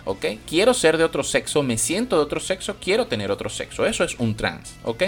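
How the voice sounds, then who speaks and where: A Venezuelan-accented man rants bluntly, swearing freely and mocking as he goes. His voice sits a little high for a man and swings widely up and down. Soft music plays faintly behind him. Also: very animated, a little fast. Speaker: opinion vlogger. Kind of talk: profane opinion rant.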